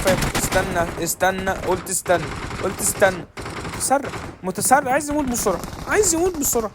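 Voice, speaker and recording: A young man with an Egyptian accent giving quick, joking commentary while playing a shooter game. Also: high-pitched, noisy background. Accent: Egyptian Arabic. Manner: quick, joking banter at enemies and teammates. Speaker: gaming creator. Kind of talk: live gaming commentary. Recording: game gunfire in background. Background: loud gunshots and clicks.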